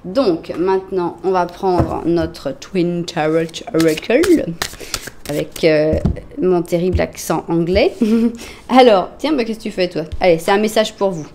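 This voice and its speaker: A woman's voice: lowish voice, measured pace, background noise. Chatty woman giving a tarot reading. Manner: chatty, warm-hearted, with frequent fillers and self-corrections; talks directly to the viewer, gentle and reassuring. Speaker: tarot card reader. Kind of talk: casual tarot reading for online viewers.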